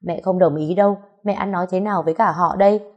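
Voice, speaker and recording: A woman's voice: on the low side, steady tone, fast talker, muffled recording, natural voice. A woman reading the part of a weary, tearful elderly mother, pleading and complaining. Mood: defensive.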